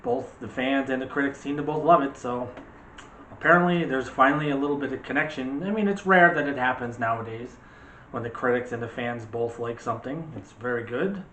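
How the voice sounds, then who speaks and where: Chatting casually as co-host of a movie discussion, the man rambles through his views and argues them in a conversational way. His mid-range voice has a fairly bright tone and moves fairly quickly, with echo and faint noise in the room.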